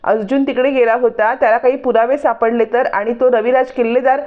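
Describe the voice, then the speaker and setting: An anxious woman, voiced by a woman narrator frets over being found out. The voice is raised and high, and the recording sounds dull. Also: fairly even intonation, brisk, lightly acted. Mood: worried. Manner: worried, questioning. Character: anxious woman, worried plotter.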